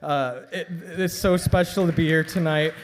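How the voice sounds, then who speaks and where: A man giving a halting acceptance speech on a ballroom stage, full of fillers and thank-yous. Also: on the high side, steady tone. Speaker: award winner.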